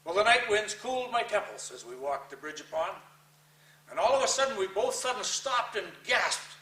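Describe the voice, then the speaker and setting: A man with a folksy cowboy twang reciting rhyming verse as a theatrical storyteller, with drawn-out emphasis and dramatic pauses. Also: high voice, lively intonation, bright, forceful tone. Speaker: cowboy poet reciting a narrative poem. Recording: roomy echo, distant microphone.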